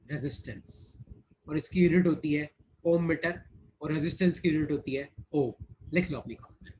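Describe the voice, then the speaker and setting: A man with a fairly high voice teaches physics in an online class. He talks in a chatty way, repeats key points and teases his students. A faint hiss sits under the recording.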